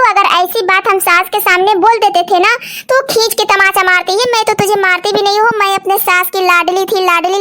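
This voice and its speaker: A woman's voice: very high-pitched, fairly bright tone, slight background noise. A woman doing a nagging, domineering mother-in-law. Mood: taunting. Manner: nagging, taunting, boastful about old times. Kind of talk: cartoon story voice acting.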